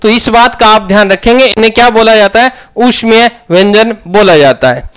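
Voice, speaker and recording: A man's voice: high-pitched, moderate pace, fairly bright tone, clear, resonant tone. A man teaching a grammar lesson, asking questions and answering them himself.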